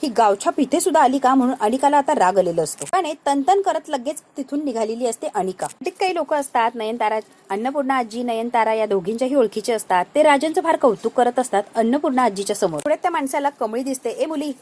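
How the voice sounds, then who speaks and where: A woman narrating a TV serial episode recap in a lively storytelling manner, voicing each character. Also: fairly high pitch, fast, few pauses.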